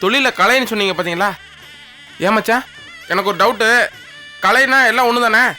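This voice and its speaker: An actor playing a cheeky, curious in-law in a TV serial who asks eager questions. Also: male voice, high voice, brisk, bright, forceful tone, faint music behind. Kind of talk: Tamil TV serial acting.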